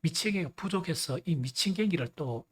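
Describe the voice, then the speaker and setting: Man doing a cranky old king, scolding, husky voice that swings up and down. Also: a little high, lively intonation, normal speed, a bit bright. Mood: scornful. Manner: scolding, indignant. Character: angry old foreign king, scornful.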